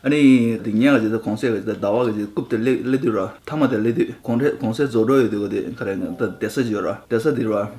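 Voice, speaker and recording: A man with a lowish voice talks casually and unhurriedly. He drops English words into his own language as he chats beside his wife. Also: a little fast, few pauses. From India. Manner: relaxed, mixes English words into Tibetan. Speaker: husband in a couple's vlog. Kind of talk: casual chat.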